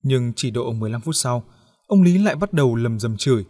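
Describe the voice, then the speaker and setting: Male horror audiobook narrator, mid-pitched, measured and suspenseful. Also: lively intonation, darkish tone. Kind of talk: scripted horror story narration.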